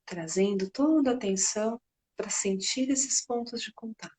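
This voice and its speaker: A Brazilian woman leads a guided meditation gently and without hurry, pausing at length. Her voice is soft, breathy and medium-pitched.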